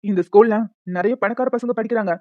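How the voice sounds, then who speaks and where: A man's voice: sits high, quick pace, no room sound, lightly acted. A man voicing a strict, dismissive school principal in a cartoon. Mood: stern. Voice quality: stern, dismissive. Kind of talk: cartoon voice acting. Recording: dull lo-fi dry recording.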